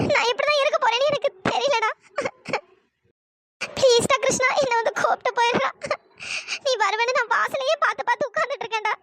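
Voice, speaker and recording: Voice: extremely high pitch, bright, forceful tone, exaggerated voice. A performer voicing a heartbroken young wife in a cartoon story, crying and pleading to be believed. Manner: sobbing, pleading.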